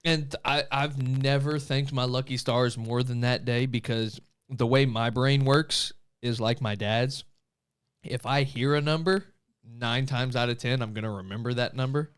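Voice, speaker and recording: A man with a smooth, clean voice and a middle pitch co-hosts a casual online talk show. He tells stories in an animated way, breaking into laughter and acting out what people said. His tone stays relaxed and chatty. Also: a little slow. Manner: animated storyteller, laughs often, acts out quotes. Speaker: podcast co-host. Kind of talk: casual chat, storytelling.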